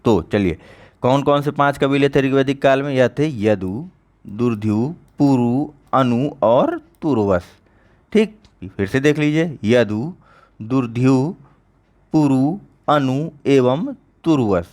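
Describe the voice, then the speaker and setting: A man's voice: medium pitch, animated, takes it slowly, darkish tone. A man teaching an online exam-prep lecture, talking conversationally, repeating key answers and checking in with his students.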